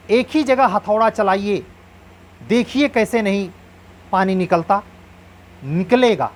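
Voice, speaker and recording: Man giving earnest exam advice. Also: high voice. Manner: earnest, advising, uses proverbs. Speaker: exam coach.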